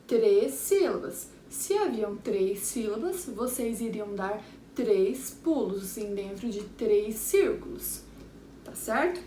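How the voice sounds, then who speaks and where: A Brazilian primary school teacher reviews a lesson for young children, sounding out words syllable by syllable in a Brazilian Portuguese accent. Her medium-pitched voice is warm and expressive, and she takes it slowly. The mic sits far from her in an echoey room with a faint hum behind.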